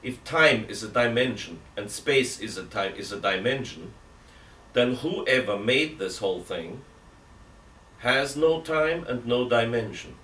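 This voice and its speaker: Middle-aged priest reasoning aloud, roomy sound. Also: male voice, medium pitch, expressive, unhurried, pushed and bright. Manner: reasoning aloud, emphatic rhetorical questions; gestures with both hands while talking. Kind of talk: seated catechism talk. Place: indoor room with armchair. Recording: roomy, distant from mic, faint hiss.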